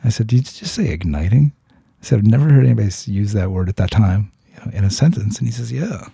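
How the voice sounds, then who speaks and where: A man with a lowish, gravelly, mellow voice that's slightly rough talks fast and expressively. He's a podcast host candidly sharing a personal story with his guest, speaking earnestly, groping for words, often restarting, and swearing bluntly. The recording is clean studio sound with no room noise.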